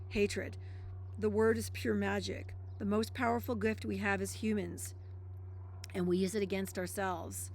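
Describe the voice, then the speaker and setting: A woman's voice: medium pitch, darkish tone. A woman who reads passages from a self-help book aloud and breaks off into emphatic, blunt commentary.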